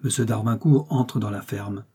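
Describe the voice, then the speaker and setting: A man reading a story aloud in a measured, unhurried scripted narration. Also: fairly low pitch, warm tone, breathy edge. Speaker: audiobook reader.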